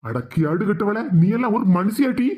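A performer voicing a gruff, hot-tempered father-in-law in a cartoon, scolding in a Tirunelveli Tamil accent. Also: medium pitch, sing-song, moderate pace. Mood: angry. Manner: scolding, shouting orders. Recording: dull lo-fi sound.

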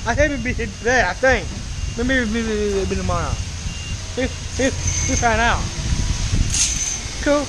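A young man vlogging at an outdoor car wash bay, excitedly talking to viewers and calling them guys. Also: very high-pitched, unhurried, pauses often. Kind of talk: casual vlog chat. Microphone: action camera held at arm's length. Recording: action camera with loud car wash noise.

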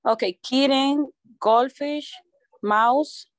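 High, halting woman student. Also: slight background noise. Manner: halting, unsure. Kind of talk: reciting vocabulary in class. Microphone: video call.

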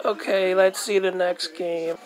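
A woman hosting a retro game video, musing casually over old footage and clearing her throat now and then. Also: fairly low pitch, flat delivery, unhurried, low-quality recording.

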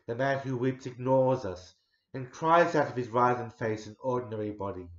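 A man in his forties giving a dramatic poetry recital, measured, swelling loud and sinking to a near hush. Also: medium pitch, fairly even intonation. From Australia. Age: 40s. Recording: roomy echo, dull lo-fi sound.

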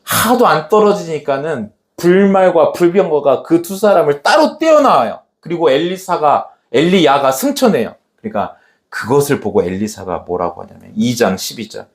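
A male pastor delivers a church sermon with a voice that swings high and low. He acts out the scripture scenes dramatically, shouting some lines and dropping to a hush on others. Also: normal speed. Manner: animated preaching, dramatically acting out scripture quotes.

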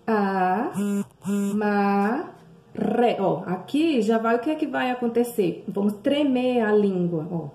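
A Brazilian woman teaching young children, drawing words out slowly and sing-song, with many questions to the class. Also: a little high, expressive, gravelly, mellow. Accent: Brazilian Portuguese. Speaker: primary school teacher. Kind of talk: remote lesson for young children. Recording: echoey room.

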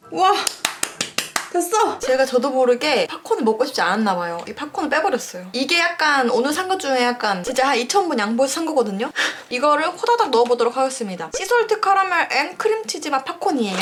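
A woman hosting a casual snack-tasting chat for viewers, exclamatory, with playful sound words and drawn-out reactions. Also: high voice, slight background noise. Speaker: mukbang host.

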